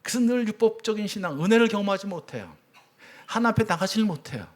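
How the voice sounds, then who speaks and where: A middle-aged man preaching a sermon as a church elder, telling stories with sudden swings between loud cries and hushed words. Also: high-pitched, lively intonation, fast. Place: church sanctuary.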